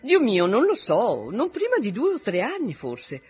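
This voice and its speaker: A man's voice: extremely high pitch, huge pitch swings, a little slow, husky, soft background music, pitched above the performer's own voice, full character voice. A man reading aloud, voicing a giddy, self-centred young newlywed woman with a breezy, flippant manner.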